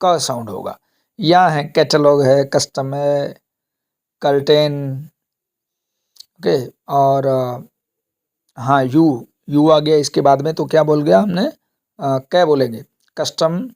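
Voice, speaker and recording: Male teacher, slightly high voice, deliberate pace, drills words one by one and answers his own questions. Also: darkish tone. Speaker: English teacher. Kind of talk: classroom lesson on pronunciation.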